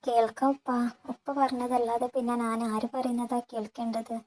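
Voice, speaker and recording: A woman voicing a gentle, patient young wife who pleads and sobs. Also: a little high, flat delivery, moderate pace, natural voice. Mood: soothing. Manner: pleading and sobbing.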